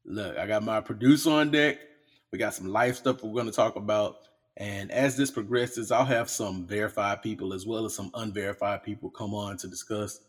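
A man's voice: on the low side, moderate pace. A man hosting his own podcast in a home studio, talking casually in a blunt, profane, joking way. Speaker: podcast host. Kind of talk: casual solo podcast talk.

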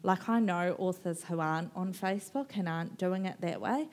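A woman's voice: fairly low pitch, normal speed. A woman author in her thirties from New Zealand, talking animatedly and rambling at a live festival conversation, laughing and mimicking people. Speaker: author guest.

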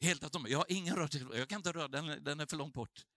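A man's voice: fairly high pitch, pushed and bright, no echo, studio quality. A male preacher giving a sermon at a revival meeting, telling a personal story with feeling and building to fervent exhortation.

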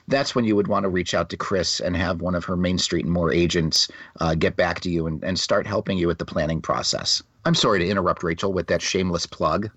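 Low-voiced American podcast man, wordy. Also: a bit bright, dry recording. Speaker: podcast co-host. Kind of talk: casual explanatory podcast talk. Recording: dull lo-fi, dry close audio.

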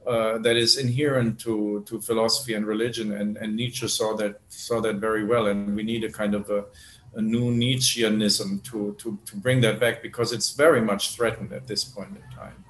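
A man with a mid-pitched voice talks through ideas in a roomy, echoing space with some noise behind him. He is halting, circles back on his phrases for emphasis and often adds a short tag question. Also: little pitch movement. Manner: halting, emphatic repetition, tags phrases with "right". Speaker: discussion participant. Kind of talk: intellectual conversation.

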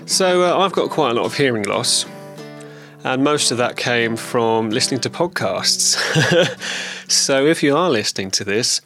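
A man with a lingering cold talks in a relaxed, rambling way, full of ums and restarts, as in a personal video diary. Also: mid-range voice, measured pace, over music. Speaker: vlogger.

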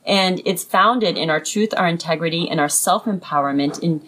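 A woman's voice: fairly low pitch, normal speed, a bit bright, rough recording. A woman speaking as a sound healer, talking about and guiding spiritual practice. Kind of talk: conversational explanation of chakras and sound healing.

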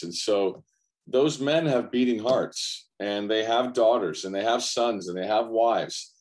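Deep-voiced earnest American man. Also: a little mellow. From United States. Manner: earnest, emphatic, repeats phrases for weight. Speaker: guest, men's culture coach. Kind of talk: conversational interview.

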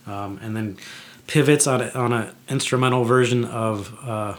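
A man co-hosting a podcast, explaining things in casual chat in a halting way. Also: medium pitch, fairly even intonation. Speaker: podcast co-host.

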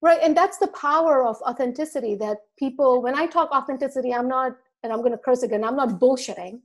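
A dental marketing coach, originally from India and raised in the U.S. Virgin Islands, talks as a guest in a casual podcast conversation. She has a high voice and a quick pace, speaks earnestly from the heart, and acts out quoted dialogue.

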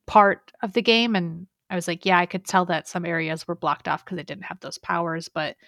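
A woman's voice: on the low side, steady tone, a little fast, a bit bright, no room sound, studio quality. A young woman co-hosting a gaming podcast in casual, rambling, enthusiastic chat. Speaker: podcast co-host.

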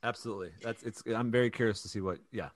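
A man's voice: on the low side, fast talker, dry recording. A man hosting a casual podcast chat, rambling with frequent restarts. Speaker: podcast host.

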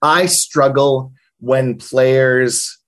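Casual male co-host, mid-pitched, informal storyteller chatting about tabletop games. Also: steady tone, drawn-out words. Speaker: podcast co-host and game master.

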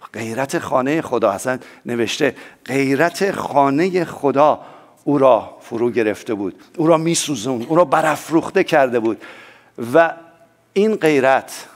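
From the pulpit, a man leading his church shifts from forceful, loud statements to hushed low remarks, repeatedly prompting the congregation for a response.

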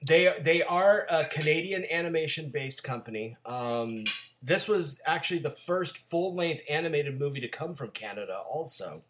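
Raspy, gravelly male podcast co-host with a cold. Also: a little high, expressive, normal speed, fairly bright tone, slight background noise. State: getting over a cold. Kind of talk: casual film-discussion podcast talk.

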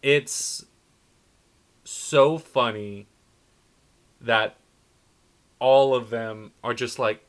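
A man's voice: mid-range voice, very slow, pauses often. A man co-hosting a casual chat, joking and acting out lines in silly voices. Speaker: podcast co-host. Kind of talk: casual chat recapping a film.

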